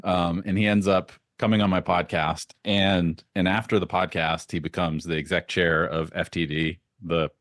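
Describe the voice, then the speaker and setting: A man being interviewed as a podcast guest, telling lively anecdotes and laughing often. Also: sits low, normal speed, few pauses, dry recording, studio quality. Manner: animated anecdotes with frequent laughs. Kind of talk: casual interview storytelling.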